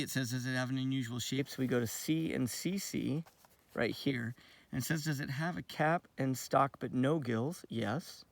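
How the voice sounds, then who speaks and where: A man's voice: medium pitch, far from the mic. A man giving a casual outdoor nature lesson for kids on his lawn, friendly and rambling with lots of fillers. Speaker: outdoor education teacher.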